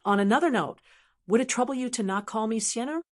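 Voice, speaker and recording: A woman voicing a playful, sharp-tongued young woman who mocks her rival, in an audiobook. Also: on the high side, fast talker, lightly acted. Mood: mocking. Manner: whimsical, cynically teasing. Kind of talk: audiobook narration of dialogue.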